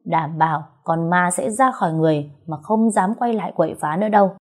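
A woman's voice: on the low side, fairly quick, natural voice. A woman voicing a brash, scheming young wife who bosses people around and mocks with fake chants. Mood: bossy. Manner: loud, bossy, fake chanting.

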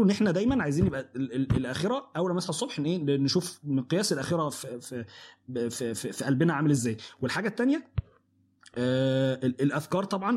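Fast-talking husky Egyptian man teaching. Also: fairly high pitch, a little mellow. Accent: Egyptian Arabic. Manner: halting, many restarts and fillers. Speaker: Quran study teacher. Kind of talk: casual Quran lesson.

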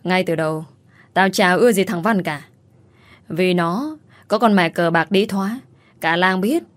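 A woman voicing a hot-tempered, fiercely protective village mother who speaks loudly and bluntly. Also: on the low side, measured pace, no room sound, natural voice. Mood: furious. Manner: loud, combative, blunt.

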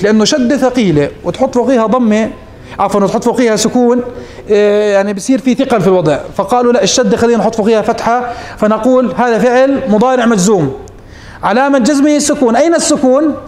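A man's voice: high voice, a little mellow, roomy sound. A man teaching morphology as a sheikh, posing questions to his students and answering them himself. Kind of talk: classroom lesson.

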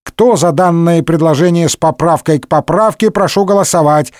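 A man's voice: fairly high pitch, normal speed, no echo, clean studio sound, voice pushed up, lightly acted. A man voicing a rude, harried parliament speaker who bullies the chamber. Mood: rowdy. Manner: brash, bullying shouting.

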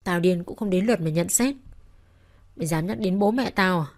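A woman's voice: fairly low pitch, brisk, darkish tone. A woman voicing a furious young wife who hurls insults through clenched teeth.

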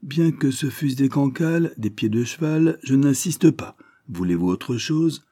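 Male reader doing a boastful French officer, husky, proud and quick to retort. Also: mid-range voice, lively intonation, dark tone, no room sound, clean studio sound, pitched above the performer's own voice. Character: boastful witty male French army captain.

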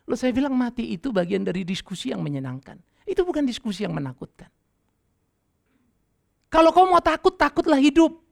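A middle-aged man preaching a sermon as pastor, lively and conversational, acting out quoted dialogue and laughing with his listeners. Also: extremely high pitch, brisk, creaky, long pauses. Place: church.

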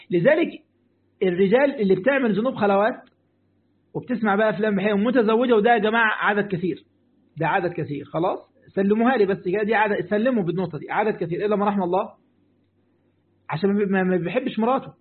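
A man with an Egyptian Arabic accent, a sheikh giving a religious lesson who speaks straight to his listeners, repeats his points and answers their questions. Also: high voice. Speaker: sheikh teaching Quran commentary. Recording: tinny phone-like line.

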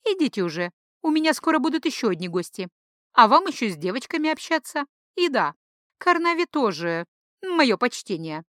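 A woman's voice: high-pitched, big pitch swings, moderate pace, fairly bright tone, no room sound, studio quality. A woman reading a mad blind priestess in an audiobook, a flirtatious, erratic woman who swings between coy teasing and shrieked prophecy. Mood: coy, dreamy.

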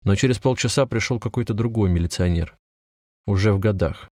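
Audiobook narrator: man in his 20s, calm and measured, low voice, dead-dry sound. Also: no echo. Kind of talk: first-person audiobook narration.

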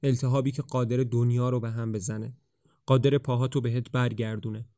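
A man's voice: medium pitch, level tone, dark tone, clear, resonant tone, dry recording, clean studio sound, natural voice. A man voicing a frightened young man turned passionate. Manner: urgent, pleading, rising to passionate. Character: anxious young man, scared then bold.

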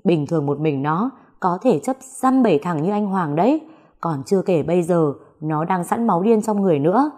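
A woman's voice: on the low side, lively intonation, moderate pace, dark tone. A woman voicing a worried young man warning his sister-in-law over the phone in a story reading. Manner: urgent, warning.

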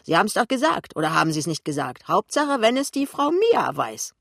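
A man's voice: sits high, sing-song, fairly quick, vocal fry, a bit bright, no echo, studio quality, pitched above the performer's own voice, exaggerated voice. A man doing a sneering, spiteful shop clerk. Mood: needling. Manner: mocking, provoking.

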